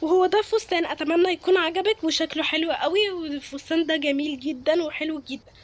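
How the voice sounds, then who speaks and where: A woman's voice: very high voice, fast talker. A woman voicing a welcoming dress shop saleswoman with an Egyptian accent, praising her stock over and over in a game role-play. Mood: salesy.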